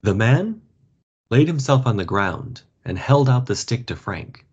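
A man reading a story aloud for learners, slow and expressive. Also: medium pitch, slightly rough. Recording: dull lo-fi podcast audio.

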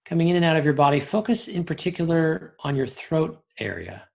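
A man slowly guiding a relaxation meditation, giving soothing instructions with long pauses. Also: on the high side, big pitch swings, creaky. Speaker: meditation guide.

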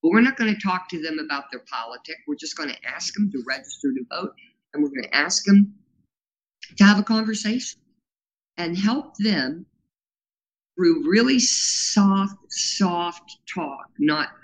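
In this poorly recorded casual interview, a grassroots organizer speaks in a fairly low, expressive voice at a slightly slow pace. Her delivery is earnest and meandering, full of fillers, yet her voice carries real power.

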